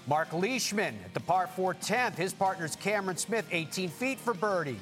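A man working as a golf commentator, hosting highlights in punchy, presenter-like short phrases. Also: lively intonation, moderate pace, a bit bright, soft background music.

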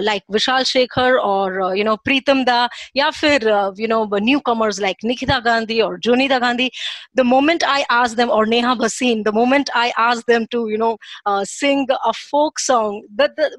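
A woman's voice: on the high side, no echo. A woman with a North Indian accent hosting a casual interview, effusive and slipping between English and Hindi. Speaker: podcast host.

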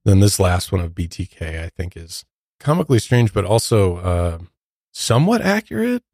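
This podcast co-host has a low, darkish male voice with a sing-song lilt and a moderate pace. He blends conversational true-crime commentary with prepared facts, and the recording is dry with no room sound.

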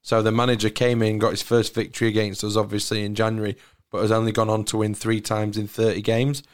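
Lower-pitched man hosting a football podcast. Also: monotone, fast talker. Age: 30s. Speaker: podcast host.

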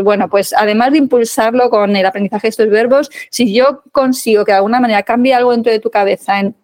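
A woman's voice: medium pitch, darkish tone. A middle-aged woman from Spain with a Peninsular Spanish accent, a legal English teacher chatting as a guest in a podcast interview, enthusiastic and full of tag questions. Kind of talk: casual podcast interview chat.

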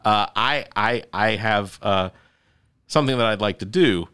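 A man's voice: lowish voice, a little slow, bright, forceful tone, clean tone. A man hosting a casual podcast, rambling with many fillers and restarts. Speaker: podcast host. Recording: noisy home podcast recording.

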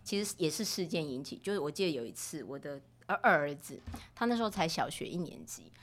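A middle-aged woman, telling stories as a podcast guest in an expressive way, acting out what people said. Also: fast. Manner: expressive, acts out quoted speech with rising pitch. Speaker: podcast guest, mother of two sons. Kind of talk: casual storytelling chat.

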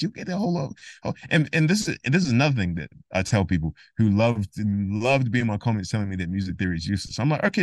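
Male podcast guest, mid pitch, lively and emphatic, acts out dialogue, dry close sound. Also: no room sound. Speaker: guest, rapper and music theory educator. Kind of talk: casual podcast interview.

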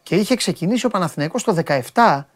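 Man, lively swooping voice, sports radio host, argumentative, quick to get worked up. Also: high-pitched. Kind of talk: casual radio banter.

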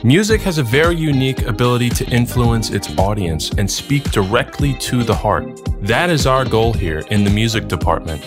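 A man introducing a music segment in a measured, earnest scripted read. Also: mid-range voice, very animated. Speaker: music production director.

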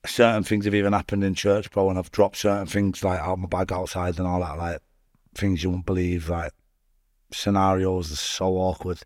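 A man's voice: low-pitched, little pitch movement, moderate pace, darkish tone, no room sound, studio quality. A man with a Manchester accent tells his own story casually as an interview guest, in slangy, sweary talk that keeps addressing the listener.

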